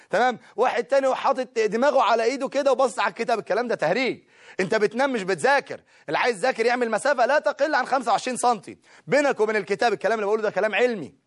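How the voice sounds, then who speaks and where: A middle-aged man with an Egyptian Arabic accent, a teacher giving study advice to students in a lively way, talking straight to them and often laughing. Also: very high voice. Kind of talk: study-skills talk to students.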